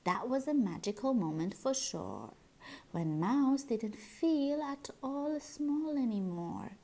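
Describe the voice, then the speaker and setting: A woman reading a rhyming children's picture book aloud in an expressive, sing-song storytelling style. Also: high-pitched, slow.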